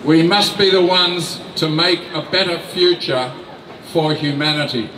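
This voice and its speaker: An older Australian man reads a prepared speech from notes at a rally in an outdoor city square, slow, deliberate and emphatic. His voice is on the high side with fairly even intonation, and he speaks into a mic on a stand. A distant camera captures echoey outdoor sound with a noisy background.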